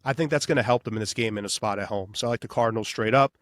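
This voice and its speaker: A man's voice: on the low side, very fast, a bit bright, no echo, studio quality. A man co-hosting a sports betting podcast in loose, casual chat full of fillers. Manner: loose, filler-heavy, says "baby". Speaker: podcast co-host.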